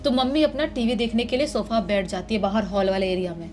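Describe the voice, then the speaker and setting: A woman's voice: mid-range voice, steady tone, fast talker, a little mellow, a little hiss or hum. A woman narrating a horror story in a dramatic, suspense-building way.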